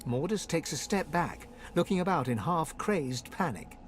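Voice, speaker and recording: A man acting as a grave, ominous storyteller, narrating a dark fantasy video game with brooding drama. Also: fairly high pitch, expressive, moderate pace, a little hiss or hum, lightly acted. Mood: grave, suspenseful.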